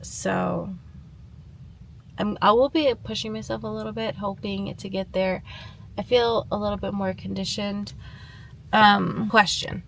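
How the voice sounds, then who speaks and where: Young woman, casual vlog chat, noticeable vocal fry, mid pitch, faint background noise. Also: steady tone, a little slow, pauses often, a bit bright. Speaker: running vlogger.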